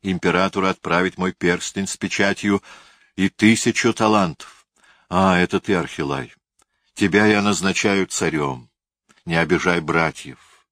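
A man's voice: deep voice, a little slow, fairly bright tone, no room sound, studio quality. A man voicing a dying old tyrant king who rages and issues commands in delirium. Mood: weak commanding. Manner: raving, commanding outbursts.

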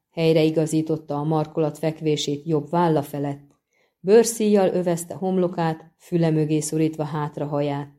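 Low, dark-voiced woman narrating a book. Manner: steady, measured storytelling. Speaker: audiobook narrator. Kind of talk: scripted narration.

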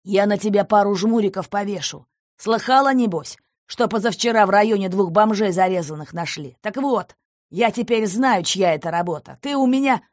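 A woman's voice: low-pitched, moderate pace, gravelly, husky, no echo, clean studio sound, full character voice. A woman voicing a bullying middle-aged police major who barks threats, in an audiobook. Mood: threatening. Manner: barking threats.

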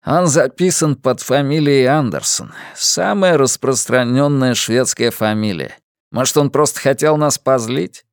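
A man's voice: mid-range voice, measured pace, dry recording, studio quality, lightly acted. A man reading an audiobook, voicing a male police colleague in a raised, insistent voice. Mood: explaining.

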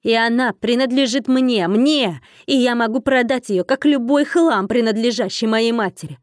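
A woman playing a spiteful young schemer who talks in a high, shrill voice and keeps shouting haughtily. The audiobook reading is dry and close. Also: flat delivery, fairly quick, dry recording, lightly acted. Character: brash, scheming young woman selling a slave.

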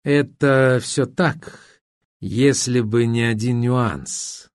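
A man reading an audiobook, voicing a retired male officer turned politician who lays out his case calmly and formally. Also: medium pitch, smooth, no room sound, studio quality. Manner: measured, formal speech-making.

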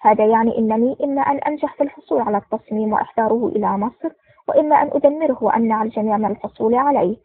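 A woman's voice: fairly high pitch, racing, husky, no echo. A woman voicing a stern, terse male intelligence officer in an audiobook, with a curt, dry delivery. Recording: tinny phone-like sound.

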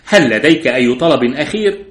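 A man voicing a cold, mocking French woman who leads a criminal gang, speaking softly and with icy calm. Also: mid-range voice, fairly quick, lightly acted. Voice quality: cold, soft-spoken. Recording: roomy echo.

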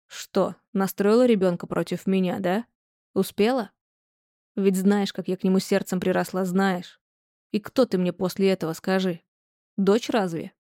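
Brief: woman doing a domineering older grandmother, harsh and scolding, mellow dark tone, dry sound. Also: mid-range voice, steady tone, moderate pace, no echo, lightly acted. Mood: cold, bitter.

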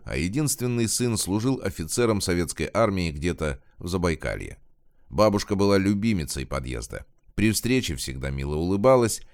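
A man's voice: low voice, dry recording, clean studio sound. A man giving a scripted narration of a crime story, reading the characters' lines with small shifts in his voice.

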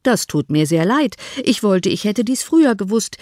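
A woman voicing an ironic, unhurried older father in an audiobook, speaking in a measured, teasing way. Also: medium pitch, big pitch swings, a little mellow, no room sound, clean studio sound, lightly acted. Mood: mock-regretful. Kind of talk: audiobook character voice.

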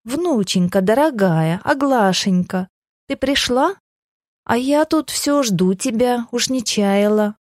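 A woman's voice: on the high side, lively intonation, slow, darkish tone, no room sound, clean studio sound, pitched above the performer's own voice. A woman doing a wheedling old crone. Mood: fawning. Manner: wheedling, lamenting, sugary endearments. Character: hunched old crone, fawning and sly, maybe a witch.

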